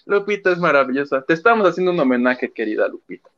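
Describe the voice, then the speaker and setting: Mexican guy cohost, highish voice, casual sweary gossip, lo-fi sound. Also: expressive, quick pace, fairly bright tone. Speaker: co-host. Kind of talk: casual celebrity gossip chat. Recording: dull lo-fi sound.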